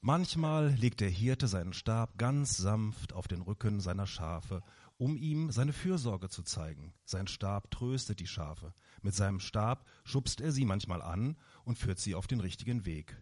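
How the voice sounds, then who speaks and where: A man voicing a kind, patient old candy maker gently explaining things to his granddaughter. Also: fairly low pitch, expressive, a little slow. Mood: gentle.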